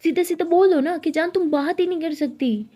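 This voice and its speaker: A woman's voice: extremely high pitch, brisk, warm tone, voice pushed up. A woman voicing a jealous, hot-tempered young college woman who snaps and scolds sarcastically. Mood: sarcastic, cold.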